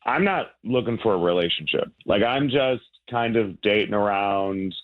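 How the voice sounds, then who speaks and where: A man's voice: fairly low pitch, normal speed. A man on a phone line, talking casually on a radio show, laid-back and rambling, laughing as he explains. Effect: heard over a phone line. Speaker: caller on a radio dating segment. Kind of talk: casual chat.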